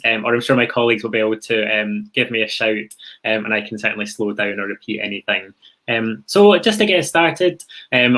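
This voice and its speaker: A man's voice: medium pitch, a bit bright. A young man from Scotland with a strong Scottish accent, giving an informal, explanatory online presentation as a university officer in a polite, reassuring way. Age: young adult. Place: indoor room on a video call.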